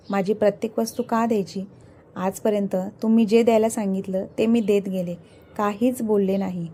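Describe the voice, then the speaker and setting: A woman's voice: medium pitch, warm tone, natural voice. A woman voicing a long-suffering young wife who firmly refuses and stands her ground. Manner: firm, resolute refusals.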